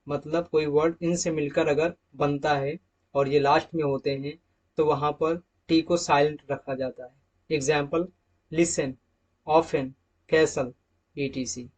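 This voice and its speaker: Guy doing an english lesson, pitch on the high side, says each example word twice, muffled lo-fi audio. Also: darkish tone. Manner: explains each rule in Hindi, repeating example words. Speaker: English teacher. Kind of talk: slide-based pronunciation lesson. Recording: dull lo-fi sound.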